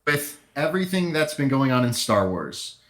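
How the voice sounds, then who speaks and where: A man's voice: medium pitch, sing-song, moderate pace. A man co-hosting a casual talk stream, gushing about a show with enthusiastic, rambling fan talk. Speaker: podcast co-host. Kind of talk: casual chat.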